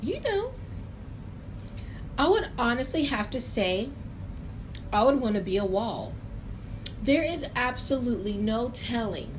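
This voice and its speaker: A young woman hosting a casual question-and-answer vlog, chatty and hedging, with drawn-out phrasing. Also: fairly high pitch. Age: young adult. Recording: noisy room ambience.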